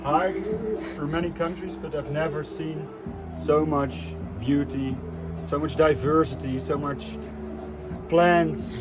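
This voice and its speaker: A man hiking in the mountains, speaking in a slow, halting, admiring way. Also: on the high side, steady tone, over loud music, rough recording. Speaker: fellow hiker. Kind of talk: casual remarks on a hike.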